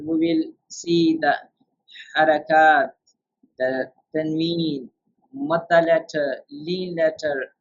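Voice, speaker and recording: A man with a somewhat high voice leads a beginner's tajweed lesson. He explains rules one by one and keeps quizzing his student. The sound is muffled and lo-fi. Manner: patient, quizzes the student with questions. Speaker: Quran tajweed teacher. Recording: dull lo-fi sound.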